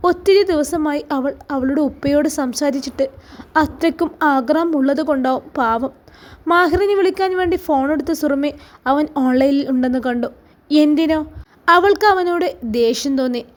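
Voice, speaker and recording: A woman narrating a scripted story in an expressive, dramatic reading style. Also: high voice, normal speed.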